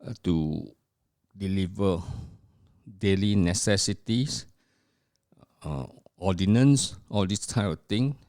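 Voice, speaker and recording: On a podcast, the host's father, an older Singaporean man, reminisces about his family's history. His very low, deep voice has a darkish tone and moves at a slow, unhurried pace. His storytelling is halting, full of pauses, restarts and "uh" fillers.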